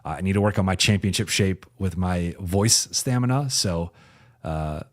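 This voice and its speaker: On his channel, this sports reporter chats through basketball analysis in a laid-back livestream, often restarting sentences and reading out comments from viewers. He has a deep voice at a moderate pace, and it grows raspy after a while of talking, picked up by a home streaming microphone.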